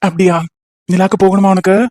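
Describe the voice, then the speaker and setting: A woman voicing a gentle young husband who speaks softly and calmly in a cartoon romance. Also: medium pitch, a little fast, dry recording, clean studio sound, voice pushed down, lightly acted. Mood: tender.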